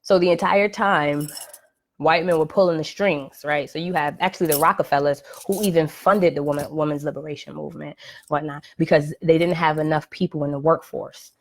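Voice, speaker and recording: A woman's voice: low voice, fairly even intonation, a little fast, slight background noise. A woman hosting her first live podcast, talking casually with many "right?" checks and "um" fillers. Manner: conversational, frequent "right?" and "um" fillers. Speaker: podcast host. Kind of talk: casual live-stream monologue. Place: at home, live video stream. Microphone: computer or phone mic on a live stream.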